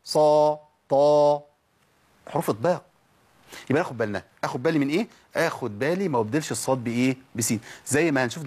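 Give me a quick-talking Egyptian man teaching tajweed, drawing out sample letters and quizzing his listeners. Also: mid-range voice, breathy edge. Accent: Egyptian Arabic. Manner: demonstrates letters slowly, drawn out, asks questions and answers them himself. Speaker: Quran recitation teacher. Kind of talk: tajweed lesson.

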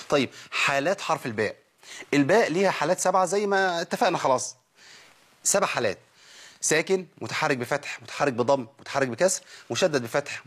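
Fast husky Egyptian recitation teacher. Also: male voice, mid-range voice, fairly bright tone. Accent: Egyptian Arabic. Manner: poses questions and answers them himself, models sounds for repeating. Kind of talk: recorded tajweed lesson.

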